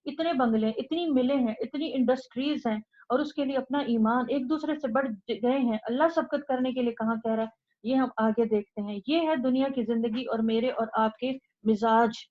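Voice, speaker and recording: A woman's voice: a little high, normal speed. Woman giving an urgent Quran lecture. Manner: urgent, exhorting, repetitive. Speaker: Quran teacher. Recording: dull lo-fi recording.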